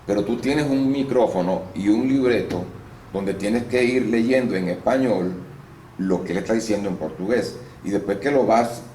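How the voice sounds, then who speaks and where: A man, an actor and voice-over artist in a casual interview, explaining at length and with some restarts. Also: on the low side. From Venezuela. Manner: explanatory, lively storytelling with restarts. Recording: roomy room with faint noise.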